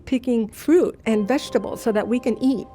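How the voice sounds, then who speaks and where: A woman speaking heartfelt and a bit halting in a documentary interview. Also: fairly high pitch, warm tone. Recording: faint music behind voice.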